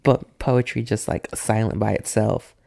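A man's voice: on the low side, measured pace, creaky, darkish tone. A young American man co-hosting a podcast, asking questions in casual, loosely phrased chat.

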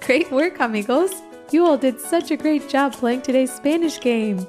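A woman's voice: high-pitched, animated, faint music behind. Upbeat woman teaching kids Spanish. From Ecuador. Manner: warm, upbeat, encouraging, slow teacher-like delivery. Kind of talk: children's language lesson.

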